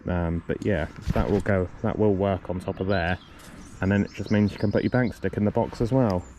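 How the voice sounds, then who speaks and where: A man with a fairly low voice walks through his fishing kit in a loose, rambling way, full of ums and self-corrections. He has a bit of a cough. Recorded outdoors, with clear background noise behind him. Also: fairly even intonation, brisk, dark tone. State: coughing a lot. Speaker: fishing vlogger. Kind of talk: casual gear walkthrough. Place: outdoors on a riverbank.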